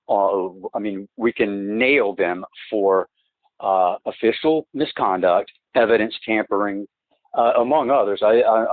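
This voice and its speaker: A man on a phone call who talks in a halting, rambling way, restarting and repeating words, and presses his complaints insistently, heard through a phone line. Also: on the low side, no echo. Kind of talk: phone conversation. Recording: tinny, dry phone-line recording.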